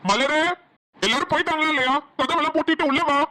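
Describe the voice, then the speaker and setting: A woman's voice: high voice, fast, background noise, lightly acted. A woman voicing a remorseful grown son who pleads emotionally with his mother in a homemade cartoon. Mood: pleading. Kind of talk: cartoon voice acting.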